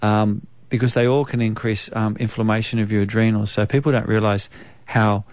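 New Zealand man explaining calmly. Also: fairly low pitch, no echo. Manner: measured, explanatory, many um fillers. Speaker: naturopath guest. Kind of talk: conversational expert interview.

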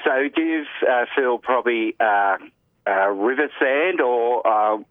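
An Australian man calling in by phone, casually talking and haltingly searching for his words. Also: medium pitch, expressive, no echo. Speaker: caller. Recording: muffled narrowband telephone line.

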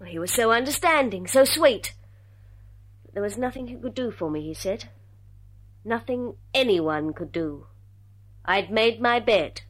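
A fallen daughter in a radio drama, weary and ashamed yet defiant. Her voice is fairly high and moves widely in pitch. She speaks deliberately, with open emotion. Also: lively intonation. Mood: bitter, resigned.

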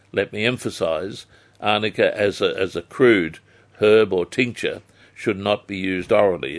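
Aussie guy doing radio health advice, fairly deep voice, careful formal wording. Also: creaky. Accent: Australian. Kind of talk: live phone-in advice.

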